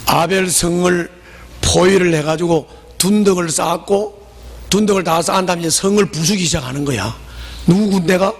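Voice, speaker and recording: Korean pastor guy preaching, high gravelly voice, big echoey church. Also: moderate pace, a little hiss or hum. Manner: animated, storytelling, talks to the congregation. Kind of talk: sermon. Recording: long hall reverb.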